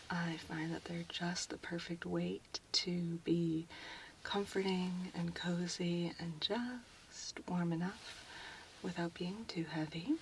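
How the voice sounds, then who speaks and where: A woman playing a gentle, reassuring doctor in a soft, unhurried whispered role-play. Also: lowish voice, slight background noise, low-quality recording.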